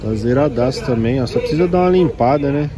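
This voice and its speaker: Here a Brazilian Portuguese-accented vlogger talks at medium pitch, animated and quick, while browsing toy stalls at an outdoor street market. He's casual and enthusiastic, recording on a handheld phone and pointing out one thing after another. Around him are crowd noise, street music and traffic.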